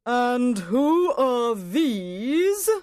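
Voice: mid-range voice, very animated, dry recording, studio quality, pitched above the performer's own voice. A storybook narrator voicing an angry, bossy queen who drags out imperious commands and shrieks orders. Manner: imperious, drawn-out shouting commands. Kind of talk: storybook character voice for learners.

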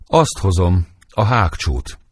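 A man's voice: low voice, sing-song, breathy edge, no room sound, clean studio sound, full character voice. A wailing old nurse, read by a man. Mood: lamenting. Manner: lamenting, wailing verse reading. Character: old nurse, fussy and grieving woman. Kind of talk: dramatic verse reading.

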